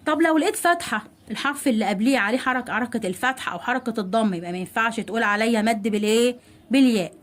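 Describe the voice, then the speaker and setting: An Egyptian woman teaching young children to read in a patient, questioning way, sounding out letters slowly. Her voice sits a little high for a woman. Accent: Egyptian Arabic. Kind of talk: children's reading lesson.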